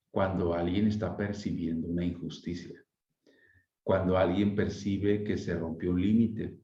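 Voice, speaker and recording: A man with a low, gravelly voice calmly explains matters of emotional wellbeing in a conversational way. He is reflective, asking rhetorical questions and frequent tag questions, and the recording has an echoey, lo-fi room sound.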